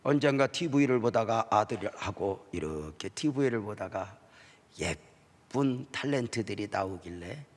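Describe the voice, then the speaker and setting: A middle-aged male pastor with a low, husky voice delivers a sermon with strong emotion, dropping to a hush and then climbing into emphatic peaks. His words ring out with a long tail of reverb, as if they were recorded in a large church hall. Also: expressive, measured pace. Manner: emotional storytelling, swinging from hushed to rising emphatic delivery.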